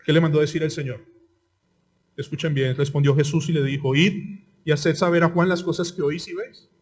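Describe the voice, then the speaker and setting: Man, pastor, Colombian Spanish accent, fairly high voice, sermon, rhetorical questions, loud and soft by turns. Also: fairly even intonation, brisk. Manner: impassioned preaching, rhetorical questions, swings from loud to quiet.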